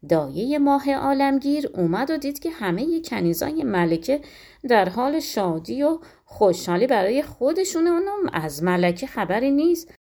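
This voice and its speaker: A woman narrating a folk tale audiobook in a lively, expressive storytelling manner. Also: high-pitched.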